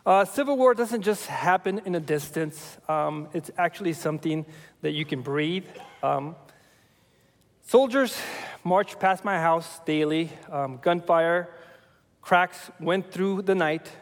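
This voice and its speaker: A man in his forties from El Salvador, sharing a personal testimony with his church family in a reflective, measured way with frequent fillers. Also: fairly high pitch, big-room sound.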